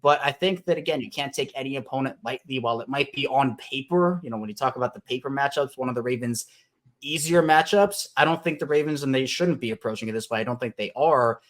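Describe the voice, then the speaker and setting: A man's voice: medium pitch, quick pace, fairly bright tone. Man hosting a casual football podcast. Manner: conversational, thinks aloud with restarts. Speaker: podcast host. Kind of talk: casual sports podcast chat. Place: Baltimore.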